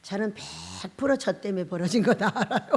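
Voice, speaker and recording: A middle-aged woman pastor preaching a sermon, telling lively stories, acting out quoted lines loudly and laughing along the way. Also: medium pitch, moderate pace, husky. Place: church sanctuary. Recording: long reverb of a large church hall.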